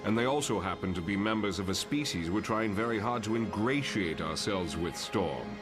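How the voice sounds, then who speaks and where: A man voicing a stern, lofty professor who lectures his mutant pupils in formal, measured speech in a motion comic. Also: fairly low pitch, expressive, close to an everyday voice. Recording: music behind the voice.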